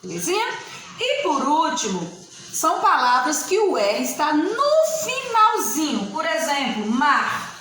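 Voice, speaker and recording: A woman teacher giving a slow, patient spelling lesson and repeating each word aloud. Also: high voice, very animated, fairly bright tone, very echoey, slight background noise, low-quality recording.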